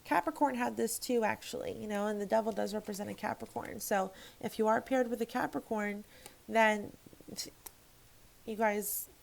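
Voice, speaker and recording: A woman's voice: medium pitch, steady tone, moderate pace, gravelly, low-quality recording. A woman giving a casual tarot reading to camera, frank and emphatic, swearing freely and rambling with restarts. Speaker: tarot reader.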